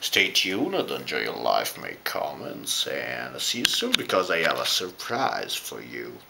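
A man speaking through a face mask while casually reviewing a costume, halting often with pauses. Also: rumbling low, wildly swooping pitch, vocal fry, heavy background noise. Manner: halting, with frequent "well" pauses. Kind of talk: casual product review vlog.

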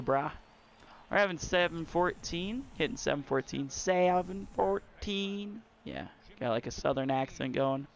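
A young man giving casual, excitable commentary while playing a baseball video game and talking to his viewers. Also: a little high, a little hiss or hum. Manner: excitable, talks to viewers and the screen. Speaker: gamer.

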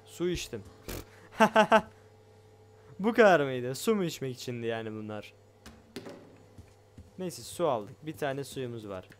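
A man giving excitable let's play commentary on a game, loud and jumpy, swearing often and talking straight to his viewers. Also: medium pitch, a little slow, long pauses. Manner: loud, shouts a lot. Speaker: gaming YouTuber.

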